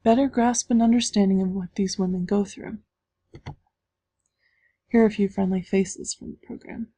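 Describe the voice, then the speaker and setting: Even, mellow woman presenting. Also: medium pitch, normal speed, dry recording. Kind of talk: presentation with slides.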